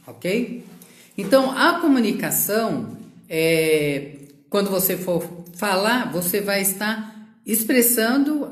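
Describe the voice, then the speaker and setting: A woman's voice: mid-range voice, roomy sound. A woman with a Brazilian Portuguese accent giving a live-streamed sales lecture, listing terms one by one and checking in with "ok?". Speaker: sales trainer. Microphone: phone on a social media live stream.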